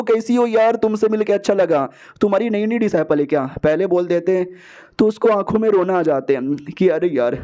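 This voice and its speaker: A man casually retelling a comic story in a jokey, slangy way, switching quickly between the characters' lines. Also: sits high, warm tone. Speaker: manhua recap narrator.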